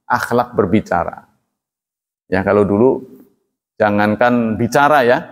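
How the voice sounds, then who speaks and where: A man preaching a religious lecture to a congregation, speaking plainly and evenly, often asking listeners to agree. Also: medium pitch. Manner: plain, even delivery, calls himself flat-spoken. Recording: long reverb in a hall.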